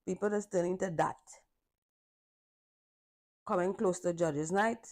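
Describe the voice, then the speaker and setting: A woman's voice: on the low side, measured pace. A middle-aged woman with a Trinidadian accent, a calypsonian guest talking casually and often repeating herself for emphasis. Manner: relaxed, repeats phrases for emphasis. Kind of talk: casual conversation.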